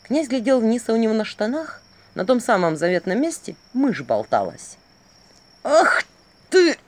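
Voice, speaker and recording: A woman narrating a fairy tale as an audiobook reader, with an expressive reading. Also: fairly high pitch, moderate pace.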